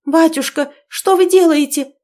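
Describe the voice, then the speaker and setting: A woman voicing a young noblewoman who cries out in shrill, frantic alarm. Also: unhurried, dark tone.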